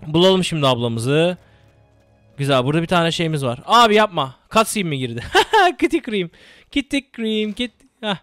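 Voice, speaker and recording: A young man giving casual, excitable gameplay commentary, swearing and repeating words rapidly. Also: a little high, no echo, soft background music.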